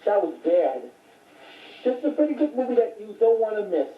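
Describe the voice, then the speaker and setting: With a medium-pitched, sing-song voice at a moderate pace, a woman rambles matter-of-factly through an unscripted show-and-tell of her home video collection's latest finds. The mic is distant, and the sound is echoey and tinny like a phone.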